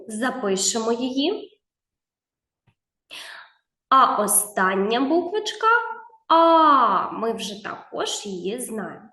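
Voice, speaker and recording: A woman's voice: fairly high pitch, reverberant. A woman teaching a video reading lesson to young children, drawing out sounds and giving patient step-by-step instructions with encouragement. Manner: encouraging, talks straight to the child.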